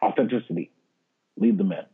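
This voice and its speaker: Man, lowish voice, emphatic, sports podcast co-host, phone-like audio. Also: expressive, a little fast, creaky, slightly rough. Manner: emphatic, preachy. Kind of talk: casual sports chat. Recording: tinny phone-like line.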